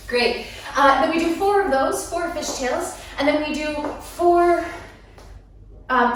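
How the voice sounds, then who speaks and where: A woman teaching a dance routine step by step, playful and counting the beats out loud. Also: high voice, slight background noise. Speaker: dance instructor. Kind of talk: dance lesson walkthrough. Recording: echoey room, mic far off.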